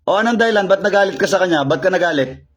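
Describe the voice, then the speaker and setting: A man's voice: high-pitched, lively intonation, very fast, a bit bright. A man working as a faith healer on a live stream, issuing repetitive commands and interrogating a spirit. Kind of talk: live-streamed healing and exorcism.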